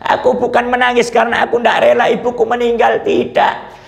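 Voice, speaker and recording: A man's voice: extremely high pitch, monotone, fairly quick, gravelly, voice pushed up, heavily acted. A man voicing a young man grieving his mother, speaking with fervent feeling, in a roomy echo. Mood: anguished. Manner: fervent, impassioned.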